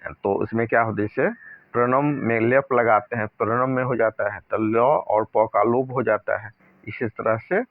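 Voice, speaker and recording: Low-voiced man teaching over a tinny line. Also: steady tone, no echo. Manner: slow, deliberate reading of example sentences, then plain Hindi explanation. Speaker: Sanskrit teacher. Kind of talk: spoken grammar lesson. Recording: dry, narrow phone-like sound.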